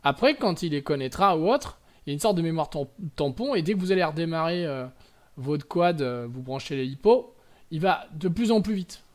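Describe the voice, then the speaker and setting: A man's voice: a little high, expressive, moderate pace. A man hosting a casual tutorial at home, talking chattily with many fillers and self-corrections, with the odd joking aside. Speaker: drone tutorial host. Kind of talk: casual screen-recorded tutorial. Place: indoors at home.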